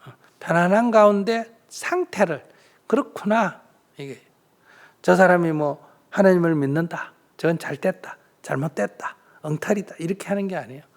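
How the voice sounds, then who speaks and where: A Buddhist monk answers questions in a dharma talk, speaking in a high-pitched male voice at a moderate pace. He teaches through lively rhetorical questions and acts out small dialogues.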